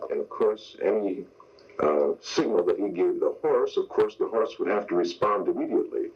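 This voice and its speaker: An older man, a veteran of radio sound effects, reminisces in an interview and walks through his craft step by step. His voice is deep and animated at a moderate pace, with a noisy background on dull, lo-fi radio broadcast tape.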